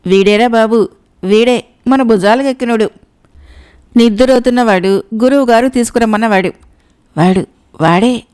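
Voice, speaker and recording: A woman's voice: a little high, moderate pace, pauses often, darkish tone, clean tone, natural voice. Comic storybook role: a frightened man who wails and groans, voiced by a woman storyteller. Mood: wailing. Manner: wailing and moaning in pain. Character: panicky male porter, just bitten, wailing.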